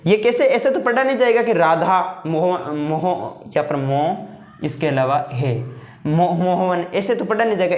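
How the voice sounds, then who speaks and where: Male teacher, video lesson in an echoey room. Keeps asking questions and answering them, slow repetition. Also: high-pitched. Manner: asks rhetorical questions and answers them, repeating terms slowly; calls viewers friends. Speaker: Hindi grammar teacher. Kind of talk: video lesson explaining at a board. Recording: roomy echo.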